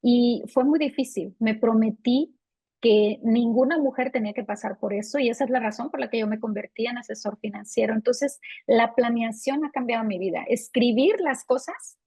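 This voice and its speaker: A woman's voice: a little high, normal speed, mellow, breathy edge, dry recording. A woman in her fifties, a financial advisor guest, answering interview questions in an earnest, personal way. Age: 50s.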